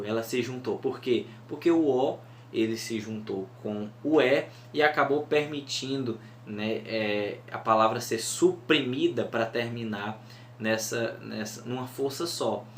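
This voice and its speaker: A man with a Northeastern Brazilian accent teaching a lesson on cordel poetry, patiently explaining and slowly scanning verse syllables aloud. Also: medium pitch. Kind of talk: mini-course lesson. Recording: echoey room, faint hum.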